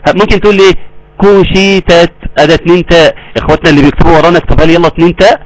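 A middle-aged man with an Egyptian accent leads a live recitation lesson. His voice sits a little high for a man. The sound is close and dry, with no room echo. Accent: Egyptian Arabic. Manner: explains, then draws verses out slowly. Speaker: Quran recitation teacher.

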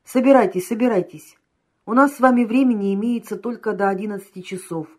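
A woman reading an audiobook, voicing a brisk, cheerful man who urges his friend to hurry. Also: medium pitch, close to an everyday voice. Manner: brisk, urging.

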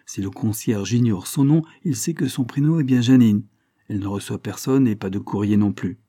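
A man's voice: fairly low pitch, moderate pace, warm tone, dry recording, studio quality, close to an everyday voice. A man voicing a dogged male police inspector who gives matter-of-fact, precise reports.

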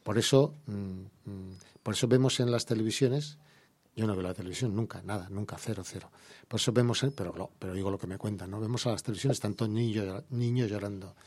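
A man's voice: on the low side, quick pace, a little mellow. A man with an Andalusian Spanish accent, an environmental activist guest in a radio interview, talking heatedly and firing off rhetorical questions.

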